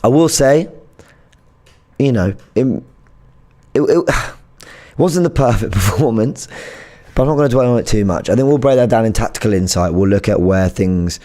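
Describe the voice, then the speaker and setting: A man with a low, hoarse voice that sounds worn out. He presents a fan channel in a casual way, with a dark, mellow tone. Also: lively intonation, normal speed, pauses often. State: hoarse, lost voice.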